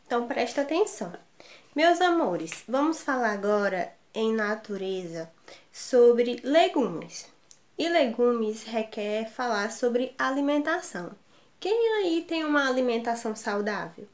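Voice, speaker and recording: A Brazilian woman teacher reading syllables aloud slowly and sweetly to small children in a remote lesson. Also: fairly high pitch, lively intonation. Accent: Brazilian Portuguese. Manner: slow, sing-song syllable reading aloud, affectionate. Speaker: kindergarten teacher. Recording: echoey room.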